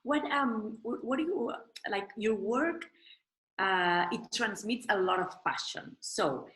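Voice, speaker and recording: A woman with a bright, clear voice asks short, direct questions in an interview. She keeps her questions simple and nudges the conversation along. The sound comes back from an echoey room. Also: mid-range voice, lively intonation, slow pace. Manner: brief encouraging backchannels, simple questions.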